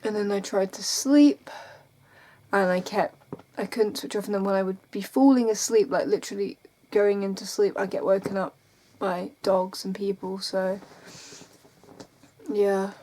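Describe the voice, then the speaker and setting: A tired, burnt-out woman talking casually and confessionally in an emotionally drained, halting way, often trailing off mid-thought. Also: medium pitch, fairly even intonation, warm tone. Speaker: vlogger. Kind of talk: casual confessional talk to camera.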